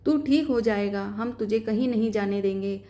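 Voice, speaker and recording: A woman voicing a gentle, consoling older father in a story reading. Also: mid-range voice, normal speed, close to an everyday voice.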